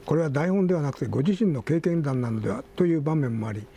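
A man's voice: fairly high pitch, animated, fast, vocal fry, dark tone, breathy edge. An older man hosting a casual talk show, reading magazine articles aloud with asides and self-corrections. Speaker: magazine editor and host.

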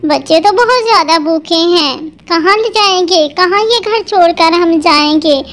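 A woman voicing a frantic mother bird in a cartoon, pleading in a shrill voice as she grieves for her chicks. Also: a little slow, a bit bright. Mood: worried.

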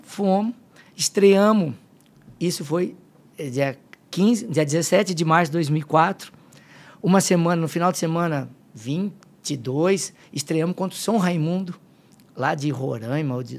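Middle-aged man, slightly high voice. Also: normal speed. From Limeira, São Paulo state, Brazil. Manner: lively storyteller, acts out dialogue. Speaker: podcast guest, fitness coach. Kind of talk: casual storytelling interview.

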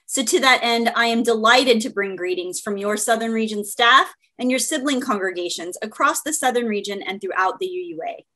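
A woman's voice: fairly high pitch, fairly quick, hardly any pauses, bright, forceful tone. A woman on regional denominational staff bringing an encouraging greeting to congregations. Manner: upbeat, encouraging.

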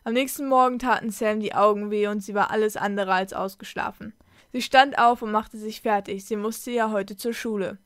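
A woman reading a storybook aloud in a plain, steady narrating voice. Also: medium pitch, normal speed, no echo, clean studio sound.

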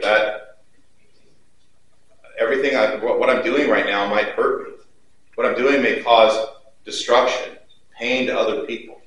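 A middle-aged male pastor preaching a sermon in a church, earnest and emphatic, moving between loud stresses and quiet low passages. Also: a little hiss or hum. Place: church sanctuary. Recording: very echoey hall, mic at a distance.

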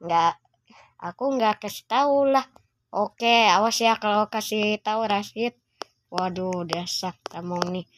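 A woman's voice: mid-range voice, unhurried. A woman hosting a gaming channel, giving let's-play commentary, chatty and constantly exclaiming as she talks to her viewers. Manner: constant exclaiming, frequent "waduh" and "aduh"; chatty, addresses viewers as guys.

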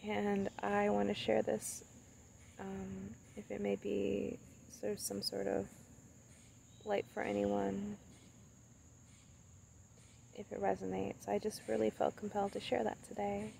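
A young woman speaking softly and haltingly into her phone in the woods, sharing thoughts and reading a poem she wrote. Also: medium pitch, completely flat delivery, creaky, slight background noise. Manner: soft and halting, many pauses and fillers. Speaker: spoken word poet. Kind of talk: casual reflective talk and poetry reading. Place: outdoors in woods, beside a tree. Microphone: phone camera at arm's length. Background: crickets and insects outdoors.

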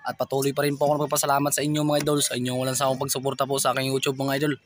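A man with a Filipino accent narrating a casual fishing vlog from a small boat, shouting excitedly during catches. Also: mid-range voice, racing, slight background noise. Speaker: fishing vlogger.

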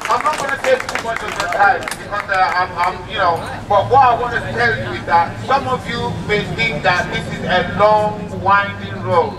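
A man's voice: high voice, normal speed, few pauses, a crowd in the background. A middle-aged man giving a rousing union rally speech through a megaphone, emphatic and repetitive, outdoors. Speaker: union speaker. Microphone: handheld megaphone, filmed from several metres. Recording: noisy outdoor street, distant megaphone, echo.

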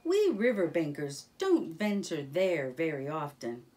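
A woman voicing a cheerful, proud male water rat in a children's storybook reading, in an animated character voice. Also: low voice, a little slow, distant mic, heavily acted. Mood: cautious.

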